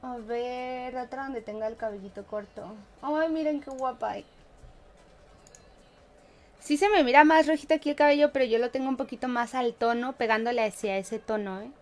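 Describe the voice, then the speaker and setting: A high-pitched Mexican woman chats playfully with her live-stream viewers, laughing often and humming little tunes between remarks. She has a light, bouncy way of talking. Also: moderate pace. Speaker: game streamer.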